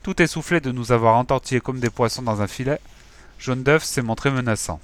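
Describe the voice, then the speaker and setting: A man's voice: medium pitch, fairly quick. Man reading a children's story aloud. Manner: lively, expressive storytelling. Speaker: storybook reader.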